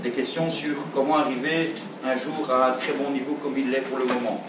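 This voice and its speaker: A man's voice: medium pitch, level tone, brisk, roomy sound, far from the mic, noisy background. A man coaching youth football, addressing a group of kids in a rambling way with many fillers. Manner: rambling, repeats himself with fillers.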